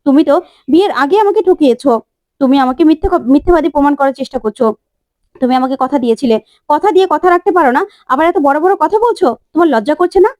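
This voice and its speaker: A woman's voice: sits high, expressive, fast, dry recording. A woman doing Titli, a defiant young bride. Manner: defiant, scolding, shouting demands. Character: headstrong young bride set on going abroad.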